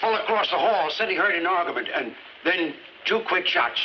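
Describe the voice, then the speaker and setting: A man's voice: high-pitched, lively intonation, normal speed. An actor playing a plain-spoken policeman giving a report, a man in a 1950s comedy film. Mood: halting, matter-of-fact. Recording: dull, clearly noisy 1950s film soundtrack.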